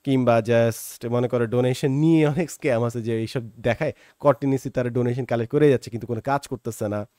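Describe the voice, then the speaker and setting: A man's voice: medium pitch, fairly even intonation, quick pace, mellow, no echo, studio quality. A man from Bangladesh, giving a reflective conversational monologue and talking straight to the listener, with English words mixed in. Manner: conversational, mixes English into Bengali, addresses listener directly. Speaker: monologue host.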